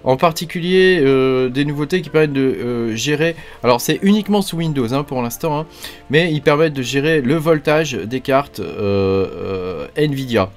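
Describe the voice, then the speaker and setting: A man's voice: mid-range voice, expressive, normal speed, soft background music. A man hosting a casual mining news roundup, talking loosely with many hesitations and fillers. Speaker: crypto mining channel host.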